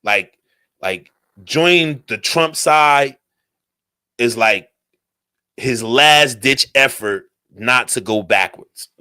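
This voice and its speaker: A man hosting a solo talk radio show, ranting in a profane, animated way and firing off rhetorical questions. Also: medium pitch, slow, long pauses, smooth.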